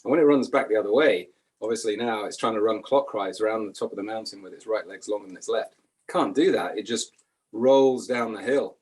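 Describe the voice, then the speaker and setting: A man talking through a tasting in a measured, descriptive way, and telling a deadpan tall tale. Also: fairly low pitch, husky. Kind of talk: casual tasting chat.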